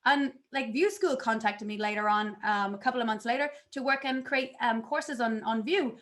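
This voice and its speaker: A woman giving a conference talk, telling her story in an animated way and acting out her own past reactions. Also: fairly high pitch, moderate pace. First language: not English. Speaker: conference speaker.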